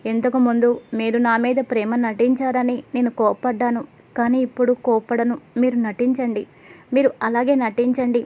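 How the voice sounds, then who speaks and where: A woman voicing a young wife who pleads with her husband, in an even, flat reading. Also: a little high, moderate pace, dull audio, close to an everyday voice. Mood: resigned.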